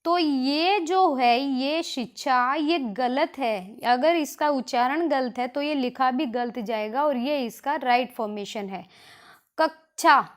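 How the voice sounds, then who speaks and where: High-voiced woman teaching grammar, Haryanvi accent. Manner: explains slowly, repeats example words. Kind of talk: grammar lesson for exam prep.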